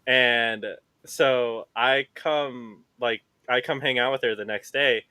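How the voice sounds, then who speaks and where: A young man chats as a podcast guest, cursing casually and breaking into laughter while he tells a story. His voice is bright and forward. The sound is dry and close. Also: medium pitch, fairly even intonation, slow, clear, resonant tone, no room sound.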